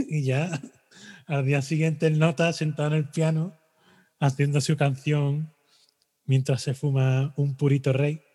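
A man's voice: a little high, measured pace. Joking man in a casual chat. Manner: animated, joking, trails off into fillers. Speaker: podcast co-host.

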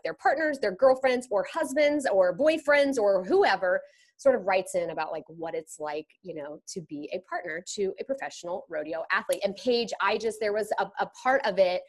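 Woman, podcast host, effusive, chatty, middle pitch. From grew up in the rodeo world. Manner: effusive, chatty, quick bursts of enthusiasm. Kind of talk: casual interview chat.

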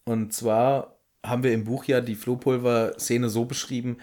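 A man co-hosting a casual chat at a middle pitch. He goes through details methodically, point by point. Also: flat delivery, normal speed, darkish tone. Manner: detail-minded, comparing film with book. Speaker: podcast co-host.

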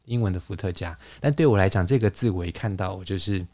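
A man hosting a podcast, explaining things in a relaxed lecturing way with fillers and restarts. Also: low-pitched, quick pace, no room sound. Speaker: podcast host, wine lecturer. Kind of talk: casual conversational podcast.

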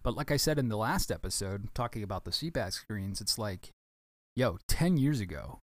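A man's voice: fairly low pitch, expressive, moderate pace, dry recording, studio quality. A man hosting a casual solo podcast, talking in a rambling way with many restarts and self-corrections, sounding a bit tired. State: tired, yawning. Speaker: podcast host, former baggage handler.

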